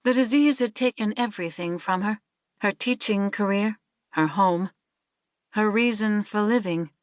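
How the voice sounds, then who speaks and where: A woman narrating a novel in the first person, in a measured, steady way. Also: mid-range voice, no echo, clean studio sound. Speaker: audiobook narrator.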